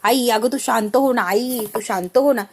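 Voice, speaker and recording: A woman voicing a young daughter who pleads with her enraged mother to calm down. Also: on the high side, a little slow. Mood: pleading. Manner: pleading, soothing.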